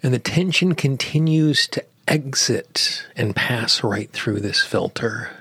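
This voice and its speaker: A man with a gravelly, husky, slightly low voice leads a guided relaxation, drawing out every phrase very slowly and softly. Now and then he drops into a near whisper. The recording is dry and close. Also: expressive, no room sound. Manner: slow, soothing, drawn-out phrasing with long pauses. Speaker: meditation guide.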